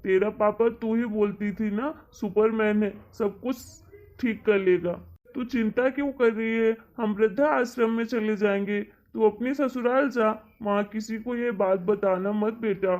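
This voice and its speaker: Gentle elderly father , a man acting: slow, soothing; dull lo-fi sound. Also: high voice, fairly even intonation. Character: gentle, reassuring old father.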